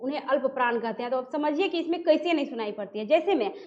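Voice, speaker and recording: High-pitched woman teaching grammar. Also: lively intonation, fast, a little mellow. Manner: asks students questions and answers them herself; sounds out letters one by one. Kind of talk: Hindi grammar lesson. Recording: dull lo-fi recording.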